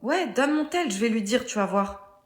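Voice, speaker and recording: A woman's voice: on the high side, animated, moderate pace, close to an everyday voice. A woman's voice as dismissive slangy boyfriend, echoey. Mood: defensive. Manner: slangy, blunt. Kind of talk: scripted text-to-speech story dialogue.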